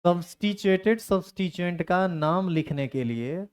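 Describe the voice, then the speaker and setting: A man's voice: high voice, lively intonation, moderate pace, a little mellow, clear, resonant tone. A man teaching a chemistry class, teasing and scolding his students. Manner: scolding, teasing students in a rustic Hindi dialect. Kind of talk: classroom lecture.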